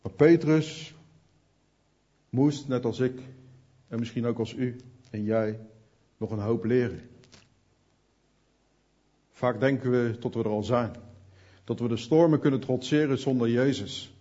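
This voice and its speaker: A man's voice: mid-range voice, unhurried, long pauses, mellow, lo-fi sound. A man preaching an earnest sermon, speaking directly to his listeners.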